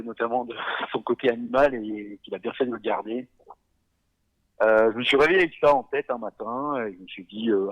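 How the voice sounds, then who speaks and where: A man in his forties from Savoie, talking casually as a podcast guest, relaxed and hesitant, with many fillers and little chuckles. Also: on the low side, rough recording. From Savoie, France. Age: 40s. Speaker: guest, beer company founder.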